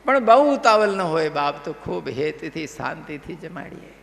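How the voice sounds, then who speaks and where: A man telling a devotional story as a sermon, animated and checking in with listeners. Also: fairly high pitch, moderate pace, vocal fry. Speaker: religious storyteller. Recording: live hall reverb, faint music.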